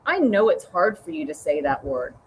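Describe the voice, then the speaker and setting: A woman's voice: fairly low pitch, very animated, normal speed, slight background noise, poor audio. A woman voicing a loving mother in a children's storybook, encouraging and playful. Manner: warm and encouraging.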